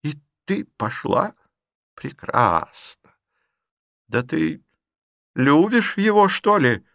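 A man voicing a sharp-tongued, blunt elderly aunt who scolds her niece in an audiobook reading. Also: a little high, big pitch swings, extremely slow, creaky, dry recording, clean studio sound, voice pushed up, heavily acted. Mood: indignant.

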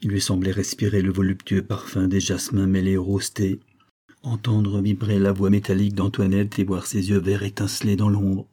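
A man reading a classic French novel aloud as an audiobook narrator, steady and unhurried. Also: deep voice, husky. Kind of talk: scripted narration.

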